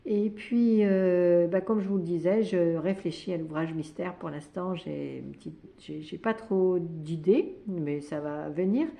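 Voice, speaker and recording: A woman's voice: on the low side, measured pace, creaky, hardly any pauses, mellow. A woman hosting a knitting podcast, chatting casually and hesitantly, with frequent fillers and restarts. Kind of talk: casual chat.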